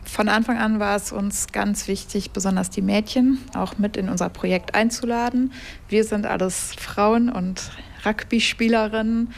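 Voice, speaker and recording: A woman's voice: medium pitch, fairly even intonation, moderate pace, vocal fry. A woman rugby coach answering interview questions in an earnest, explanatory way.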